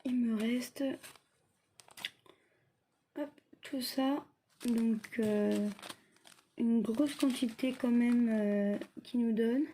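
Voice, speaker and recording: A woman giving a casual hands-on craft demo and review, talking hesitantly in halting, often unfinished phrases. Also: fairly high pitch, mellow, a little hiss or hum. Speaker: craft video creator.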